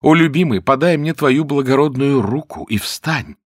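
A man doing an eager sorceress who dotes on her master, voice pitched up and pleading. Husky and dry, read close like an audiobook. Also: expressive, normal speed, no echo, lightly acted. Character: adult woman sorceress, devoted and eager.

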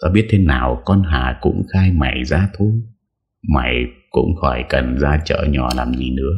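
A man reading the part of a young man who speaks softly and urgently to a younger companion. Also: very deep voice, moderate pace, muffled recording. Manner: hushed, urgent. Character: young man San, protective and firm.

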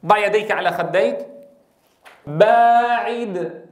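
Sheikh teaching tajweed, roomy echo. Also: male voice, high voice. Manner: explains calmly, then slowly drawls out example sounds. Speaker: Quran recitation teacher. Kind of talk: tajweed lesson with spoken pronunciation demos.

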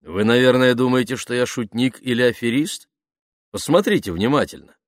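A man reading an audiobook, playing a vain, theatrical actor who croons his words in a deep baritone. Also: dry recording, clean studio sound, close to an everyday voice. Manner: pompous, drawn-out, crooning.

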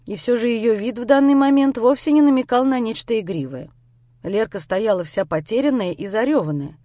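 A woman reading a first-person story aloud as an audiobook narrator, with expressive storytelling. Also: a little high, brisk, dry recording.

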